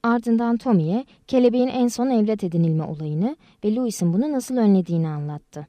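A woman narrating an audiobook in an even, measured reading style. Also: mid-range voice, no echo, lo-fi sound. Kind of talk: scripted storybook narration.

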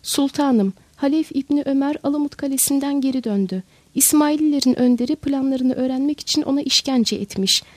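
A stern male commander of the palace guard gives formal reports and firm orders, read by a woman narrator. Her voice sits high and the recording is dry and close. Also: brisk, a little mellow, no room sound, close to an everyday voice. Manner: formal, then crisp commands.

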